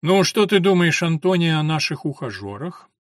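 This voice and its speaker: A man's voice: a little high, very animated, moderate pace, dry recording, clean studio sound. A man voicing a gossipy older aunt who chatters and gushes about suitors, in an audiobook. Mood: gushing. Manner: gushing, fussy.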